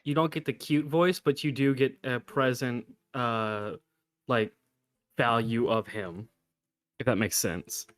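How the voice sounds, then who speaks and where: Man, game master, tabletop game, playful, teasing, mid-pitched. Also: steady tone, fairly bright tone. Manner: playful, teasing, quick to joke. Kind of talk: running a tabletop game over voice chat.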